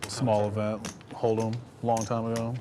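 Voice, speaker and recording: A man's voice: on the low side, monotone, moderate pace, noisy background. A man, a poker player telling stories in casual banter at the table.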